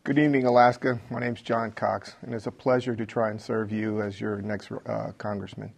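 A middle-aged man speaking as a political candidate in a debate, plain-spoken and blunt, with halting phrasing. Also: on the low side, level tone, vocal fry. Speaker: congressional candidate. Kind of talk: unscripted debate statement.

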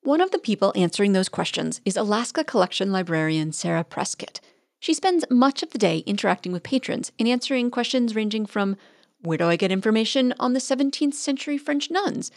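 A woman reporter reading a scripted radio narration in a measured, even delivery. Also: medium pitch, no echo, studio quality.

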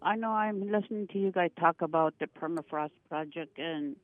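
A woman's voice: on the low side, brisk, dry recording. A woman from Alaska calling in to a radio show over the phone, hesitant and full of ums and restarts. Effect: heard over a phone line. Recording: tinny phone line.

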